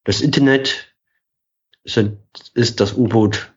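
A man's voice: on the low side, steady tone, slow. A man from Switzerland co-hosting a history podcast, bantering with playful, dramatic teasing. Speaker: podcast co-host. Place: hotel in Thailand. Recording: lo-fi remote call audio.

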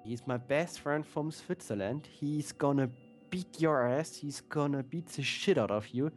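Actor as a grouchy swearing prisoner, fairly high voice, comedy audio play. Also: male voice, a little slow, soft background music, lightly acted. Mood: boastful. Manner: grumbling, cursing, theatrical. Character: grumpy boastful male prisoner.

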